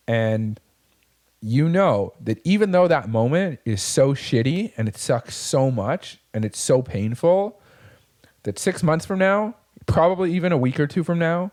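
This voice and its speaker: A man's voice: medium pitch, a little mellow. A man co-hosting a podcast in casual chat, talking bluntly and motivationally with frequent swearing. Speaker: podcast co-host.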